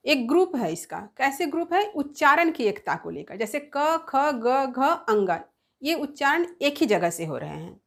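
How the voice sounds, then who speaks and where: A woman teaching a grammar lesson, explaining step by step, sounding out letters one at a time and answering her own questions. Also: on the high side.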